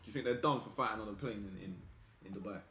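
A young man with a London roadman accent hosting a casual chat in street slang, animated and repeating his phrases. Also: on the low side, racing. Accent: London roadman, urban street slang. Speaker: podcast host. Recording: roomy, distant, with faint noise.

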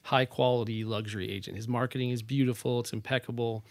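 A man guesting on a casual podcast, an animated storyteller who likes rhetorical questions. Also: mid-range voice, fast talker, no room sound. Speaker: podcast guest, real estate agent.

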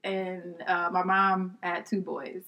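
A woman's voice: on the low side, slow pace, muffled recording. Woman telling a childhood story, laughing. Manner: animated storyteller who laughs and acts out quoted people; casual, with mild swearing and slang. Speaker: guest. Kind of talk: casual storytelling interview.

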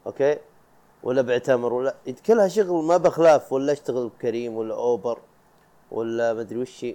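A young man from talks fast in a casual solo podcast. His voice is warm and dark, never sharp. He rambles, cuts himself off mid-word and laughs along the way. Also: medium pitch. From Saudi Arabia. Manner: chatty, rambling, self-interrupting, laughs often. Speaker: podcast host.

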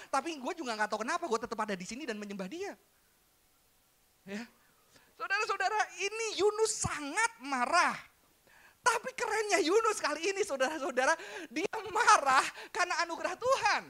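A man preaching a sermon to his congregation, animated and joking, mixing in English phrases. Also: very high voice, brisk. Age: adult, father. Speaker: pastor.

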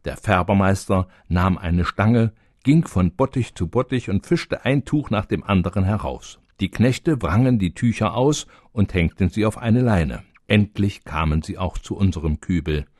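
A man narrating a storybook tale in a calm, even manner. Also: low-pitched, normal speed, hardly any pauses, no echo, clean studio sound.

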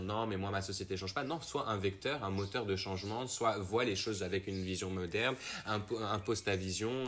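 Low-voiced guy from morocco chatting in an interview, earnest, keeps restarting sentences. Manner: earnest, rambling with many restarts. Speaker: actor, interview guest. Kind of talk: casual interview conversation.

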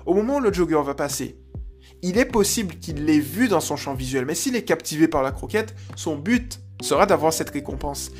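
Dog trainer, casual chatty coaching, mid pitch, faint music behind. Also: animated, normal speed. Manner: chatty, loose, full of fillers and restarts. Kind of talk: casual spoken coaching advice.

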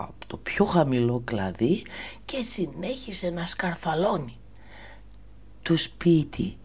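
A woman telling a fairy tale to children in a soft, half-whispered voice, often speaking to them directly. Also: rumbling low, husky. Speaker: storyteller reading to children. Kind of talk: children's story narration.

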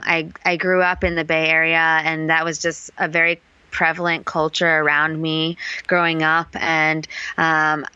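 A woman's voice: low voice, sharp tone, clean tone, dry recording. A woman in her twenties from California, talking casually and reflectively as an interview guest, with many ums. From California, USA. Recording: dull lo-fi sound, dry.

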